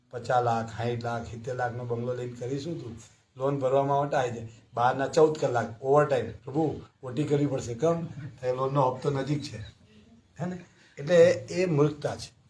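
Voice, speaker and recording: A man's voice: fairly high pitch, a little mellow. A man gives a devotional scripture class in a slightly raised voice. He moves through short stories and keeps asking his listeners questions, as a teacher speaking to a gathered group would. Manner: storytelling with frequent rhetorical questions to the audience.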